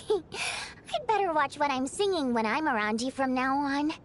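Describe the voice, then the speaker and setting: A woman playing a spirited, cheerful young female water imp singer in a video game, expressive, theatrical and easily flustered. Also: high-pitched, unhurried, a little hiss or hum. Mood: earnest. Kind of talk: animated game voice acting.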